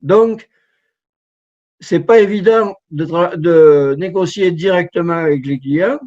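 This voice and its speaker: Speaking slowly in a high, slightly mellow voice, a middle-aged translator delivers an informal conference talk from his home over a video call. His computer mic yields dull, lo-fi sound, and he frequently restarts and repeats himself.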